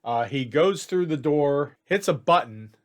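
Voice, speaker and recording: A man's voice: on the high side, lively intonation, measured pace. A man running a tabletop game as game master, narrating casually and matter-of-factly. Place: home setup, online stream.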